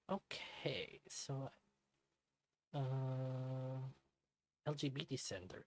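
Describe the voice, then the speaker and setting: A man with a mid-range voice hosts a let's-play, reading a visual novel aloud in a chatty, easygoing way and tossing in asides as he reads profile cards. It's a casual read-through with commentary, and the audio quality is poor.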